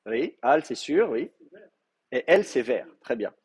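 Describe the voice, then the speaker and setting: A man's voice: medium pitch, very animated, measured pace, darkish tone, slightly rough. A man lecturing a Hebrew class, explaining patiently with many fillers and restarts. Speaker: Hebrew teacher. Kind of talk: university lecture.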